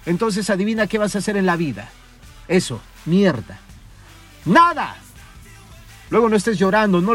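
A man rants through a podcast monologue in a high-pitched voice, swearing freely and scolding his listeners. Soft music plays faintly underneath. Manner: profane, scolding, mocking. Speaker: podcast host. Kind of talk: ranting motivational monologue.

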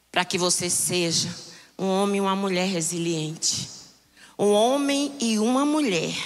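A woman bishop preaching a fervent sermon, shouting declarations and teasing the congregation. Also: fairly low pitch. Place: church. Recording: long church reverb.

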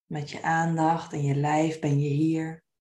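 A woman leading a guided meditation in a soft, soothing manner, with gentle, unhurried phrasing. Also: low voice, little pitch movement.

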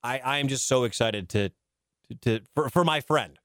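At normal speed, this mid-range, slightly bright male voice belongs to a Detroit-born sports radio host raised in Wisconsin, who swaps casual stories and laughs a lot. The studio-quality recording is dry.

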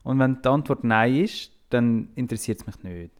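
A man's voice: medium pitch, normal speed, clear, resonant tone. A man in casual chat, reasoning things through aloud.

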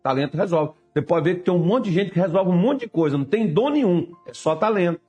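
Brief: man, pastor in the pulpit, high-pitched, playful storytelling sermon, soft music underneath. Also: fast. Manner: lively, jokey storytelling with acted-out dialogue.

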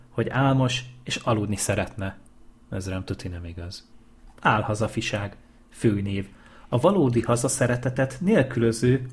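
A man reading dictionary entries aloud in a measured, list-like way. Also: on the low side, husky. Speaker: dictionary reader.

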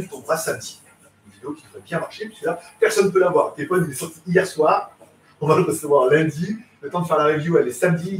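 Chatty man in an echoey room. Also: on the high side. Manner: loose, slangy, rambling with many fillers. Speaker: podcast host. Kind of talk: casual live tech chat. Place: home in Thailand. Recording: echoey room, distant mic, faint hiss.

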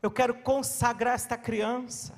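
Man doing a solemn missionary voice, slow prophecy lines, big echo. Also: extremely high pitch, flat delivery. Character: solemn male missionary prophesying over the radio. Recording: long church reverb.

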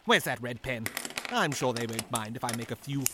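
A man's voice: medium pitch, expressive, fairly quick, background noise, natural voice. An actor playing a self-important young amateur actor who schemes his way into the lead role. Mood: scheming. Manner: grandiose, showy.

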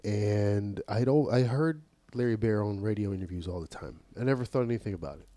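A man co-hosting a casual talk show, telling stories in an animated, profane way with restarts. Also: lowish voice, brisk, no echo. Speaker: podcast co-host. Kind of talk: casual chat.

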